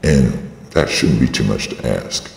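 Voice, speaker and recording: A video blogger delivers an aggrieved, rambling, insistent personal statement through a voice changer that lowers his voice. His delivery is unhurried with lively intonation, vocal fry, and a faint hiss or hum. The processed recording sounds echoey, with a long reverb tail.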